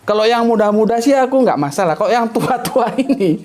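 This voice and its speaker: A man's voice: very high voice, expressive, brisk, darkish tone. A middle-aged man, telling a story in a religious talk. He is chatty and anecdotal and keeps adding conversational tags. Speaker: Islamic preacher.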